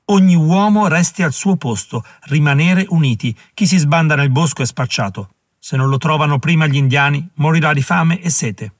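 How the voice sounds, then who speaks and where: A man's voice: a little high, moderate pace, no room sound, studio quality, voice pushed up, lightly acted. A man voicing a wounded general barking orders. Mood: commanding. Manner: shouting orders through pain. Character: wounded militia general, stubborn and commanding.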